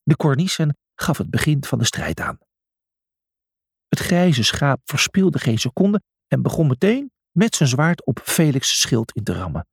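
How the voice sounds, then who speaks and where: A man's voice: mid-range voice, very animated, unhurried, vocal fry, husky, no room sound, clean studio sound. A man narrating a children's story audiobook in a dramatic, scripted style.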